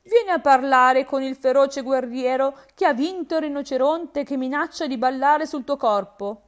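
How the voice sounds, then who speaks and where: A woman's voice: sits high, normal speed, voice pushed up, natural voice. A woman voicing a timid, frightened female hare in a spoken fairy tale, pleading and plaintive.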